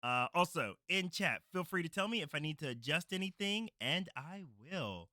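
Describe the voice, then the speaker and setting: A man's voice: fairly high pitch, animated, normal speed, sharp tone, dry recording, clean studio sound. A man hosting a livestream with casual, upbeat, appreciative chat in an informal manner. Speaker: streamer, host.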